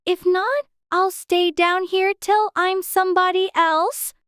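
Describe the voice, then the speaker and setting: Little storybook girl, extremely high voice, fretful, prim, chatty, close dry sound. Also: steady tone, slow pace, fairly bright tone, dry recording, exaggerated voice. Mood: forlorn, fretful. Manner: fretful, talking to herself in prim childish exclamations. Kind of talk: dramatized audiobook character acting.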